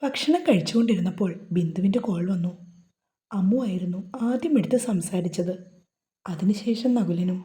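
A woman calmly narrating a romance novel as a storyteller, with a gentle reading manner. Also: fairly low pitch, moderate pace.

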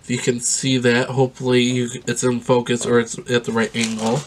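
This rough recording carries a little hiss or hum behind a young vlogger's mid-range, monotone voice, which runs a bit fast. Congested from a sinus infection, the twenty-something chats with enthusiasm and frequent ums as he opens a present close to the camera in his small bedroom.

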